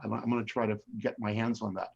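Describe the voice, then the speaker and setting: A man's voice: lowish voice, little pitch movement, fast, gravelly, breathy edge. An older man hosting an interview, who often stumbles and repeats words while starting his questions. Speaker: interview host. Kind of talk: casual interview. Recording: slightly dull lo-fi sound.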